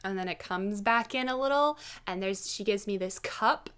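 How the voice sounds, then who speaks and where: A woman telling a personal story in a casual vlog style, with an animated manner that slips into acting out dialogue. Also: mid-range voice, normal speed, smooth. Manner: animated, acts out quoted dialogue. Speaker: vlogger.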